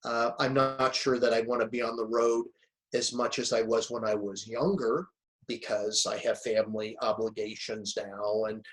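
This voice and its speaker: A man's voice: lowish voice, steady tone, normal speed. Around-sixty man, reflective storyteller. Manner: reflective, storytelling, chuckles often. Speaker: guest, motivational speaker and author. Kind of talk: relaxed conversational interview.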